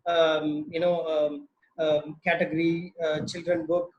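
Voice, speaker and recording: Higher-pitched man with a South Indian accent, slightly nervous. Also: flat delivery, highs cut off. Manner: halting, joking, conversational. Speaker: webinar speaker. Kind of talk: informal talk on books.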